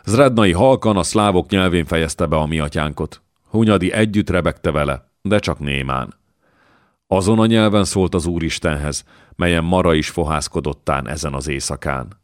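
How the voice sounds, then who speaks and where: A male audiobook reader with an extremely deep voice, narrating in a measured, even way. He is recorded close on the mic, and the sound is dry with no room in it. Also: no room sound. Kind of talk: scripted narration of a historical novel.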